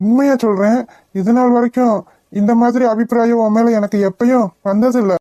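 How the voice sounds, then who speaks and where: A woman's voice: on the high side, steady tone, brisk, warm tone, close to an everyday voice. A woman voicing a playful, blunt young village man in a cartoon, with a brusque, teasing delivery. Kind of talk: cartoon voice acting.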